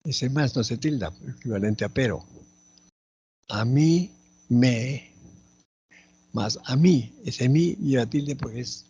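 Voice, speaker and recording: A man teaching a spelling lesson, slowly and methodically going through each word and repeating it aloud. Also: mid-range voice, mellow, muffled recording, slight background noise. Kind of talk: spelling lesson, explaining accent marks.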